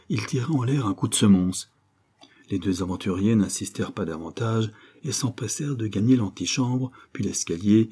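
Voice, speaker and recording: Male audiobook reader, measured literary narration, low voice, dark husky tone. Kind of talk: scripted narration of a serial novel.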